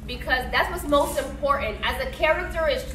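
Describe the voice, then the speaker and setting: Quick and high-pitched with a slightly bright tone, a woman teaching elementary pupils asks questions during a classroom read-aloud and explains in an upbeat, didactic style. The indoor room is recorded from a distance, with echo and noise.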